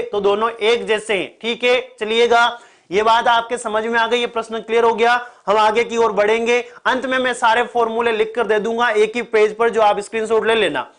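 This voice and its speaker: A man teaching an online exam-prep grammar lesson with a sore throat. He repeats the key points and keeps asking the class to answer quickly. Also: extremely high pitch, a bit bright.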